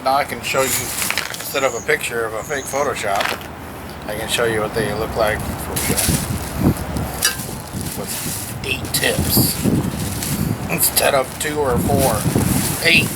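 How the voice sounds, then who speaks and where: A man's voice: mid-range voice, moderate pace, long pauses. A man giving a casual, playful car vlog with informal showman-like asides, recorded outdoors. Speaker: car vlogger. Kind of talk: casual unboxing and car modification chat. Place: outdoors in strong wind. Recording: loud wind noise hitting the microphone.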